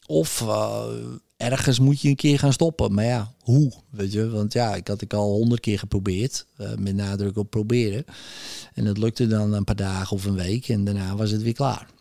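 A man in his forties tells candidly of his past addiction, halting and full of fillers. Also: on the low side, fairly even intonation, vocal fry, mellow, no echo, clean studio sound. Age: 40s. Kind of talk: personal story about recovering from addiction.

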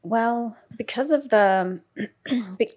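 A middle-aged woman, a school paraprofessional, talking casually in an interview, chatty and quick to laugh, with many fillers. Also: on the high side, darkish tone, husky. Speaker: paraprofessional guest.

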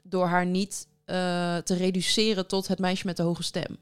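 A woman's voice: lowish voice, little pitch movement, unhurried, clear, resonant tone. A woman hosting a casual talk show, engaged and agreeing often with her co-host. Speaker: podcast host. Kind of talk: casual discussion.

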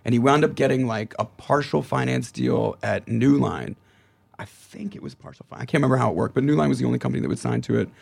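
Husky, gravelly actor in his forties, swapping stories in easy conversation. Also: medium pitch, quick pace. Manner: animated storyteller, acts out quotes. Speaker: actor guest. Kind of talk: casual podcast chat.

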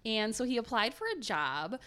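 A woman's voice: a little high, animated, normal speed, pushed and bright. A young woman co-hosting a casual podcast, telling a story in a rambling, giggly way with chatty asides.

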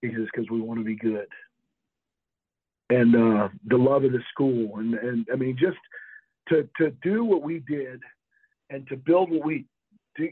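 An older Florida man who once played college football tells rambling anecdotes in an interview, laughing often. His voice is medium-pitched, a little slow, and husky. The recording has a tinny, dry phone-line sound.

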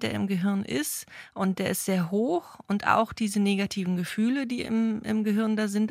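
A woman's voice: mid-range voice, gravelly, no echo, clean studio sound. A woman in her thirties, a special education teacher co-hosting a talk show, speaking thoughtfully and searching for her words. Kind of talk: casual informative chat.

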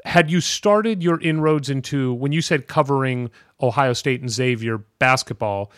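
A man's voice: medium pitch, normal speed, dry recording, studio quality. A man hosting a podcast interview, asking long, winding questions in a casual, conversational way. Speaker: podcast host.

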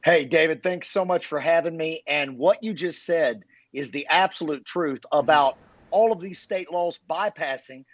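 A man's voice: on the high side, normal speed, no echo, dull audio. A man speaking as a pastor and guest in a political talk interview.

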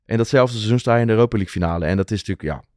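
Lower-pitched male co-host, measured and hesitant, dry studio sound. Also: a little mellow, no echo. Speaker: podcast co-host. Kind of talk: casual football chat.

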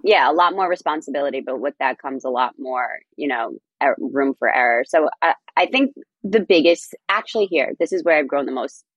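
A woman's voice: very deep voice, a little fast, few pauses, dry recording, highs cut off. A young woman in her twenties, a guest on a podcast, chatting casually with lots of "like" fillers. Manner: chatty, many "like" fillers, animated storytelling. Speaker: podcast guest, personal assistant.

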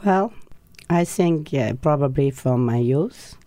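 A woman's voice: deep voice, lively intonation, takes it slowly, warm tone, no echo. A woman, talking as an interview guest in a rambling way, full of fillers and restarts. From Austria. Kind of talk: casual interview conversation.

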